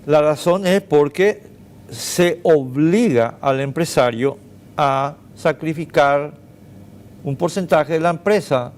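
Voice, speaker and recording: A man's voice: a little high, slow, darkish tone. A man, hosting a studio talk show, who argues emphatically and drives home his points with rhetorical questions. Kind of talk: studio interview and debate.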